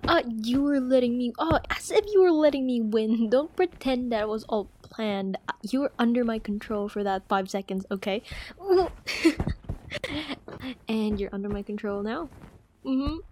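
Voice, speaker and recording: A woman's voice: on the high side, a little slow, darkish tone, a little hiss or hum, lightly acted. A young woman voicing a cocky, teasing friend's older sister in an audio roleplay, swearing freely and laughing often. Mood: taunting. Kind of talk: audio roleplay addressing the listener.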